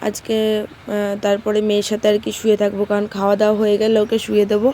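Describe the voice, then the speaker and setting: A young mother, her voice hoarse and strained, chatting homely and casually to her viewers. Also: medium pitch, monotone, fast, slight background noise. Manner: chatty, homely, soft baby talk with her daughter. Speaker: vlogger, mother. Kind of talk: casual vlog narration to viewers.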